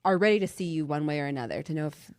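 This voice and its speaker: A woman's voice: low voice, animated, rapid-fire, a little mellow, dry recording, studio quality. A woman co-hosting a podcast in casual, teasing conversation. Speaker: podcast co-host. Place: studio.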